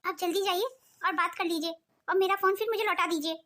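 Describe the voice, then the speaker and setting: A woman voicing a young sister-in-law in a cartoon, quick and obliging. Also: extremely high pitch, steady tone, sharp tone. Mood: chatty. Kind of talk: cartoon voice acting.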